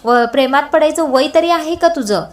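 A woman voicing a stern middle-aged mother who scolds and commands, in a high voice. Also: normal speed, lightly acted. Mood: scolding.

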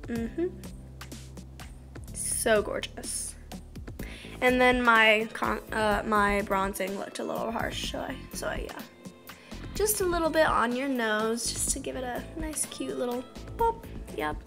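Talking over music, this teenage beauty vlogger speaks slowly in a fairly high, slightly scratchy voice and pauses often. She rambles through a casual makeup tutorial in a small bedroom near a curtained window, trailing off into mumbles and self-deprecating jokes.

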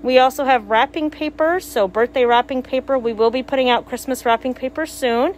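A woman with a fairly high voice gives a casual walk-through of a shop's products. She speaks through a face mask, so her words come out a little muffled. She sounds like a store worker showing customers around. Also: a little fast, a little hiss or hum. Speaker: shop worker giving a store tour. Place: small cluttered shop, indoors. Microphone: handheld phone.

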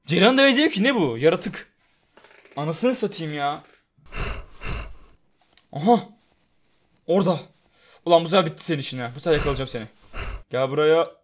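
A man doing live let's-play commentary, excitable, swinging between loud frustrated outbursts and low muttering, swearing and talking to the game as he plays. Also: moderate pace, long pauses. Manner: swears often, talks to the game. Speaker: gaming YouTuber.

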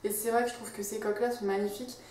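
Talking very fast in a level, mid-range voice with a slightly mellow quality, this beauty vlogger is a young woman chatting to camera about her wishlist. She's casual and chatty, full of fillers and restarts. She records in her home office and living room, with an echoey room, a somewhat distant mic and faint hiss.

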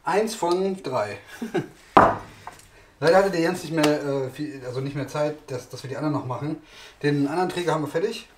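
A man's voice: a little high, moderate pace, very noisy. A man hosting a car repair vlog, casually explaining his work and thinking aloud with many fillers. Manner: chatty, lots of fillers, thinks aloud while working. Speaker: host, car mechanic.

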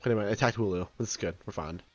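A man with a lowish voice talks fast and stumbles through his questions, restarting his words often. He comes through dull, lo-fi voice call audio. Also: soft background music. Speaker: co-player friend. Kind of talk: casual gameplay chat.

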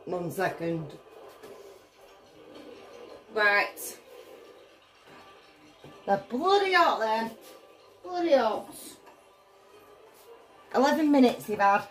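A woman's voice: a little high, sing-song, extremely slow, pauses often, faint music behind, rough recording. A woman with a Northern English accent chatting casually and bluntly while cooking, giggly and tipsy from drink. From northern England. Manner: blunt, chatty, exclamatory, swearing. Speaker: home cook vlogger. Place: indoors in a home kitchen.

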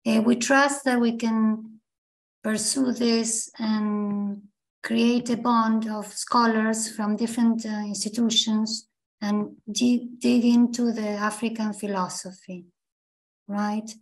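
A hoarse woman introducing a guest speaker, reading his bio aloud with fillers and self-corrections. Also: a little high, steady tone, slow, rough recording.

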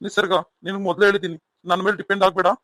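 Man playing bossy cartoon husband, fast-talking and stern. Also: sits high, little pitch movement, a bit bright, no room sound. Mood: scolding. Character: young husband, stern and impatient. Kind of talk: cartoon voice acting.

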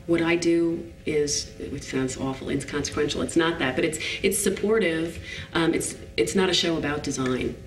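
A woman in her forties gives a behind-the-scenes interview on an indoor studio set, describing it at an unhurried, searching pace. Her voice sits a little back from the mic. The large interior adds a roomy echo around her. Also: low-pitched, far from the mic. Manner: thoughtful, descriptive, pauses to find words. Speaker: set designer.

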